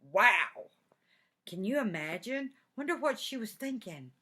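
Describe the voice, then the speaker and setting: A woman's voice: fairly high pitch, a little slow, breathy edge. An older woman with a grandmotherly manner, reading a picture book aloud to children and adding chatty, admiring asides. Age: 60s or older. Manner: grandmotherly, expressive, repeats admiring words. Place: office.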